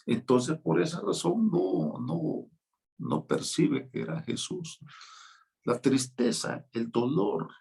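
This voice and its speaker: A man's voice: on the high side, lively intonation, slow, gravelly, mellow, husky. A man preaching a sermon as a pastor, teaching in a conversational way with light jokes.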